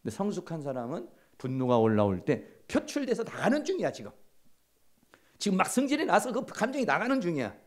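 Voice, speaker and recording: A middle-aged man giving a counseling lecture at a seminary, telling stories and acting out quoted lines in hushed voices. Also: high voice, wildly swooping pitch, fairly quick.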